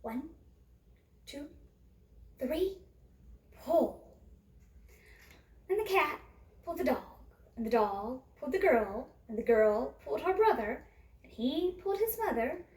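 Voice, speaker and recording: A high-voiced storyteller reads a classic fairytale picture book aloud at normal speed, in an animated, sing-song storybook style, then chats warmly and directly with children. The recording is roomy and echoey, with her some distance from the mic.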